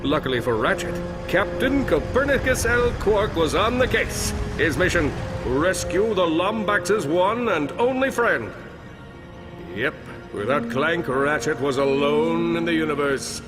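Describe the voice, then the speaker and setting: An actor playing a pompous, cowardly, bumbling space hero captain in a bombastic, theatrical video game style. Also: male voice, a little high, lively intonation, measured pace. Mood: grandiose storytelling. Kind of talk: animated game voice acting. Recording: music behind the voice.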